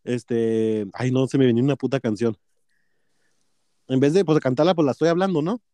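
A man's voice: mid-range voice, normal speed, mellow, dry recording. A man with a Mexican accent telling a workplace story in casual chat, profane and gossipy, acting out both sides of a quarrel.

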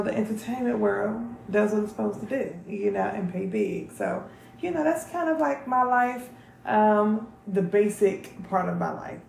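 A woman's voice: mid-range voice, vocal fry, a little mellow, roomy sound, a little hiss or hum, poor audio. A woman, chatting candidly to camera in a casual vlog and swearing freely. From North Carolina. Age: 30s. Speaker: vlog host.

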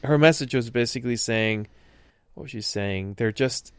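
A man's voice: mid-range voice, normal speed, clean tone, dry recording, clean studio sound. A man in casual chat about a film, thoughtful and searching for words with frequent fillers. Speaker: podcast co-host discussing a film.

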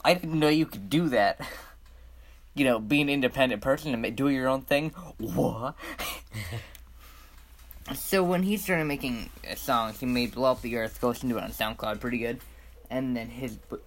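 A man co-hosting a casual podcast, rambling with many fillers and restarts, often breaking into laughter. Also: mid-range voice. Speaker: podcast co-host. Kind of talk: casual chat.

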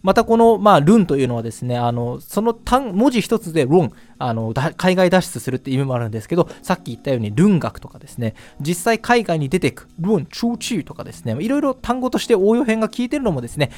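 A man's voice: high-pitched, big pitch swings, fast talker, hardly any pauses, a little mellow. A man giving explanatory news commentary in a conversational way, with many fillers along the way.

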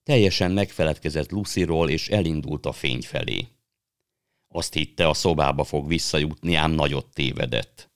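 Man, audiobook narration, extremely deep voice, calm measured storytelling. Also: dry recording, clean studio sound. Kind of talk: audiobook reading.

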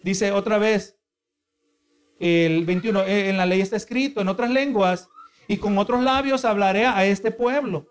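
With a clean tone and a high voice, a male preacher gives a sermon at a measured pace. He explains things earnestly, seeks the congregation's agreement over and over, and frequently starts his sentences anew.

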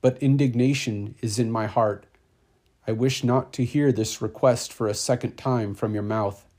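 A man's voice: mid-range voice, steady tone, moderate pace, darkish tone, natural voice. A man voicing a stern, dignified older father in a storybook reading, formal and severe.

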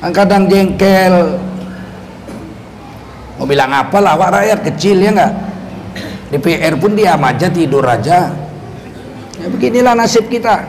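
A male Islamic preacher from North Sumatra, Indonesia, delivers a religious lecture full of sarcastic political commentary and rhetorical questions aimed at the audience. His high, expressive voice moves at a measured pace with frequent pauses. The recording is low quality, with slight background noise.

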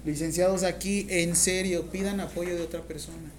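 A woman with a Mexican accent lectures nursing students in a classroom, her voice on the low side. She talks in a lively, teasing way and keeps asking the class questions. Faint room noise sits behind her. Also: moderate pace. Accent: Mexican Spanish. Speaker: nursing instructor.

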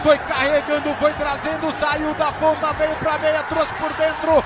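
A Brazilian man calling football in explosive goal commentary, shouting with drawn-out exclamations and repeated names. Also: very high-pitched, monotone, very noisy. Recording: loud music and crowd behind.

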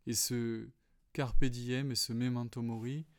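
A man hosting a solo podcast, calmly explaining philosophy, with frequent fillers and restarts. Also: medium pitch, takes it slowly. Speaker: podcast host. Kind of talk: reflective solo talk on philosophy.

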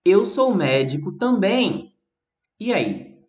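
This high-pitched, sing-song voice is slow and a little mellow, belonging to an English teacher with a Brazilian Portuguese accent. He chats through a live-streamed lesson, answering viewers by name in an echoey room.

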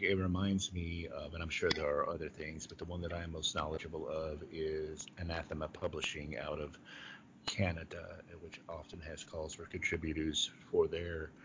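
A man hosting a podcast, speaking in a polite, somewhat formal and measured way. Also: very deep voice. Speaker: podcast host. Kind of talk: conversational interview hosting. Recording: dull lo-fi audio, clear background noise.

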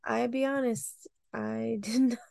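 Brief: giggly woman co-host, somewhat high, gravelly, dry close sound. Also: fairly even intonation, slow pace, darkish tone, dry recording. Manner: giggly, laughs often. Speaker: podcast co-host. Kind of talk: casual book club chat.

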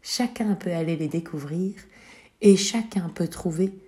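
Slow, gentle woman storyteller. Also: on the low side. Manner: gentle, soft, with whispered asides. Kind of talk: children's story narration.

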